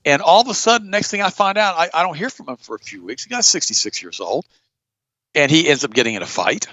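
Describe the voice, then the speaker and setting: A middle-aged man hosting a show, telling stories in a blunt, animated way and jumping up in pitch for emphasis. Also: fast, no echo, dull audio. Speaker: podcast host. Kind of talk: casual storytelling chat.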